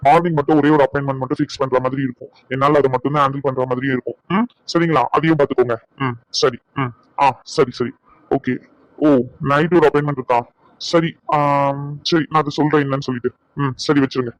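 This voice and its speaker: A man's voice: mid-range voice, steady tone, fast, no room sound, lightly acted, low-quality recording. A man playing a bitter, scolding husband. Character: angry proud husband, adult man, short-tempered. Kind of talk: Tamil family drama acting.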